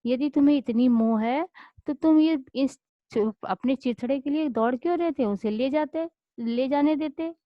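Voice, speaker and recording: A woman's voice: high-pitched, moderate pace, no room sound, close to an everyday voice. A woman voicing a stern, puzzled middle-aged village father who questions insistently in a storybook reading. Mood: questioning. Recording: dull lo-fi dry recording.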